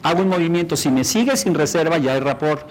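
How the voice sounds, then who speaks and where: A man's voice: fairly high pitch, animated, quick pace, slight background noise, poor audio. A man teaching a workshop on rapport, demonstrating and often asking the audience questions. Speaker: instructor.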